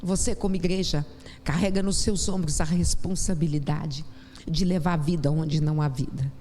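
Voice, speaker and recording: A woman's voice: low-pitched, steady tone, moderate pace, dark tone. A woman with a Brazilian Portuguese accent preaching a sermon in a church, telling her own testimony with impassioned, rising exclamations. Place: church sanctuary. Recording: long church hall reverb, faint noise.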